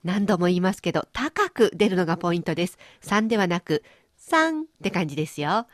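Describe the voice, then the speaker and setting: A woman's voice: on the low side, quick pace, no echo, studio quality. A woman hosting a language lesson, explaining pronunciation with playful everyday images. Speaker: language teacher and host. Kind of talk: radio-style language lesson.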